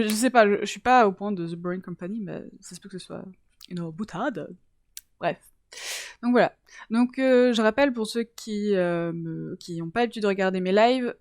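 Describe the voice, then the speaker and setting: A woman's voice: mid-range voice, no echo, studio quality. A woman from around Toulouse hosting a casual science live-stream, chatty and giggly, greeting viewers in the chat.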